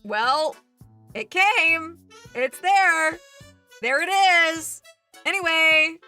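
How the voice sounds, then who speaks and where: A woman's voice: extremely high pitch, lively intonation, extremely slow, sharp tone, soft background music. A woman streamer with a cute anime-streamer delivery, giving playful, teasing casual reaction commentary. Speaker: VTuber streamer reacting to a video.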